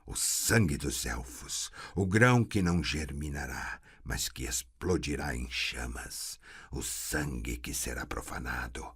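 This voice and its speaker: An inhuman, metallic voice, cold and cruelly mocking, as a male narrator puts it on. It drops very deep and husky, dragging every word slowly with menace. An audiobook possession. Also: fairly bright tone, full character voice. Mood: menacing scorn. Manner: slow, cruel, scornful.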